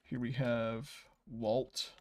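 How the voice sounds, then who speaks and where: A man hosting a casual livestream, rambling while he edits and often trailing off into soft mutters. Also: medium pitch, flat delivery, extremely slow. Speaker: livestream host.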